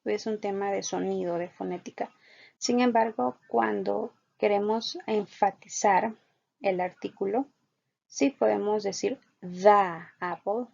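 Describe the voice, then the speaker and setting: A woman teaching an online English lesson speaks very slowly, with a heavy gravelly fry in her voice. She explains patiently and repeats her example sentences at a careful pace. The recording sounds dull and lo-fi. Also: mid-range voice, a little mellow.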